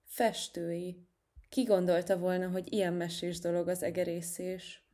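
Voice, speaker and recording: A plump, good-natured boy cat from a storybook, voiced by a woman narrator. He sounds cheerful and a little boastful, in a low, warm voice. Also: level tone, natural voice.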